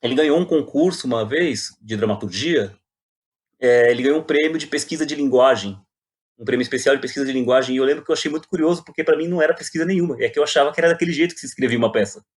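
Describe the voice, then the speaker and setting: Racing along in a mid-range voice, the Brazilian poet and playwright reflects casually during an interview. He frequently repeats words as he searches for how to say things.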